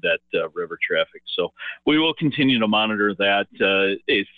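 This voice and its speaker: Halting man over a tinny phone line. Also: fairly low pitch, animated, dry recording. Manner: halting, full of "uh" fillers and restarts. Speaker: market analyst guest. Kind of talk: radio market commentary.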